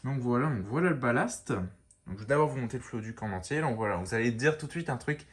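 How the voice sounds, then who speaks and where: A man giving a casual show-and-tell of a lamp, talking in a relaxed, rambling way full of fillers and restarts. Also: medium pitch, fast. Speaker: lamp collector showing a fixture.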